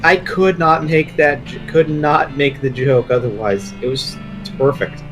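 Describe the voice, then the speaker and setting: A man's voice: on the high side, fairly even intonation, a little slow, over music, poor audio. A man making casual, wry side remarks as co-commentator on a video game playthrough.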